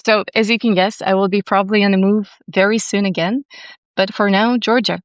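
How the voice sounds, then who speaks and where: A young woman from Latvia, a podcast guest speaking in a calm, soothing and articulate way. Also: medium pitch, fairly quick, smooth, no echo, highs cut off. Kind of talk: conversational interview.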